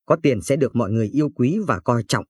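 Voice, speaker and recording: A man narrating a spoken story with an even, steady reading. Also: medium pitch, fast talker, husky, no echo, clean studio sound. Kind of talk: read-aloud story narration.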